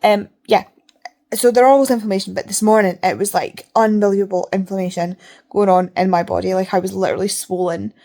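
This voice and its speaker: A woman's voice: mid-range voice, steady tone, brisk, warm tone. Woman vlogger talking with mouth barely open. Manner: rambling, repeats herself for emphasis. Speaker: reading vlogger. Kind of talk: casual chat to camera.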